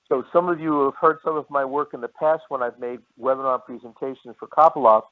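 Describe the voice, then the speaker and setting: A man runs a sales training session and talks it through in a steady lecturing way. He often repeats himself and slows down to spell out lists of words. His voice comes through a narrow, tinny line, as if heard over a phone call. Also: medium pitch. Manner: repetitive, lecturing, pauses to list words slowly. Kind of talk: training presentation.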